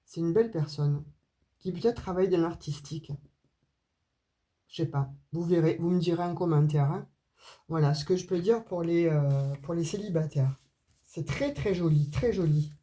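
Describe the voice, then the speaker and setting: Mellow-voiced woman with a southern French accent. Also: on the low side, moderate pace. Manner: chatty, many hesitations and asides to viewers. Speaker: astrology and tarot reader. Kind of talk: casual spoken card reading to camera.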